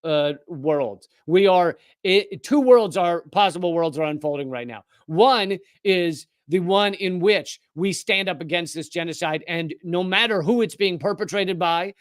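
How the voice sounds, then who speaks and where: A man's voice: sits high, moderate pace, hardly any pauses, no echo, clean studio sound. A man hosting a political commentary show, speaking in an impassioned, sarcastic monologue. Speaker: host.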